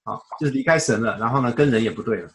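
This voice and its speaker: A man's voice: mid-range voice, very fast, slight background noise. A man teaching a casual Bible study, chatty, explaining with everyday examples and acting out quoted dialogue.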